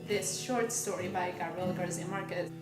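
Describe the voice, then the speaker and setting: A woman's voice: on the low side, steady tone, normal speed. A woman from Mexico, a playwright and actor, speaking thoughtfully in a documentary interview. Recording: roomy with guitar music. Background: guitar music.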